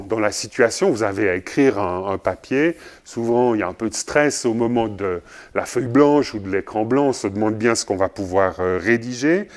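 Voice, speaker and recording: Man giving a halting journalism lecture. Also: medium pitch. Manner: measured, often pausing with fillers. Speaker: journalism trainer. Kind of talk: recorded lecture.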